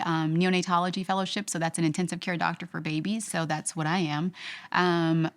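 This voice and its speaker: A middle-aged woman from Los Angeles, a doctor co-hosting a casual chat in a calm, measured and affirming way. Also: on the low side. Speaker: doctor and channel co-host.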